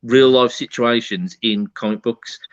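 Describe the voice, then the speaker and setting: A man's voice: mid-range voice, measured pace, no room sound, lo-fi sound. A man with a Birmingham accent co-hosting a podcast, talking in a rambling way with many fillers about comics. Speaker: podcast co-host. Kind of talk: casual chat.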